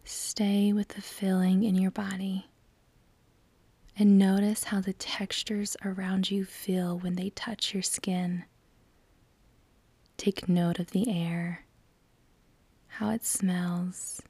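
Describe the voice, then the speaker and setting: A woman leads a meditation in a soft, breathy near-whisper, speaking very slowly and calmly with long pauses between phrases. Her tone is level and mellow, barely shifting in pitch, and the recording is dry.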